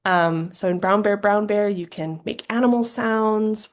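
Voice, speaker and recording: A woman educator showing parents how to read aloud to toddlers, with slow, sing-song reading and big playful leaps in pitch, recorded on a webcam. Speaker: early childhood educator. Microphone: webcam on a video call.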